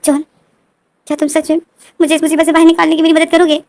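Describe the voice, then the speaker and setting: A woman's voice: very high-pitched, monotone, quick pace, a little mellow, dry recording, voice pushed up. A woman voicing a tearful teenage boy. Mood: pleading. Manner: pleading, questioning. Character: tearful sixteen-year-old boy, desperate and hurt.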